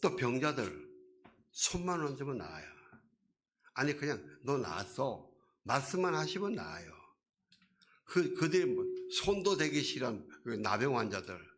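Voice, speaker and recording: Conversational Korean pastor preaching. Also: male voice, mid-range voice, sing-song, measured pace, a bit bright, slight background noise. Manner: conversational preaching, asks the congregation questions; acts out quoted voices. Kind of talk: sermon.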